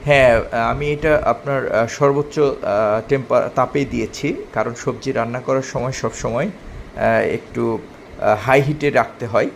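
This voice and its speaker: Brief: male cooking vlogger, gravelly voice with fry, halting and full of fillers, faint air-conditioner hum behind. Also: mid-range voice. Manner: hesitant, many filler sounds. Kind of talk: casual cooking tutorial.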